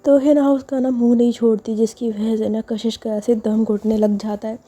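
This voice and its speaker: A woman's voice: fairly high pitch, flat delivery, normal speed, dark tone, soft background music. A woman telling a love story in a chatty, casual way, with many fillers. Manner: chatty, repetitive narration with fillers. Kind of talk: casual spoken narration.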